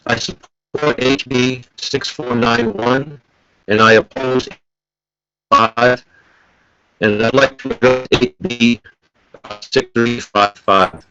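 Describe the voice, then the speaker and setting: A man's voice: mid-range voice, slow, pauses often, pushed and bright, faint music behind. A man from Connecticut reading formal public testimony over a video call that keeps breaking up and dropping out. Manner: formal, reading a prepared statement. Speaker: member of the public giving testimony. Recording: dull, dry video call audio.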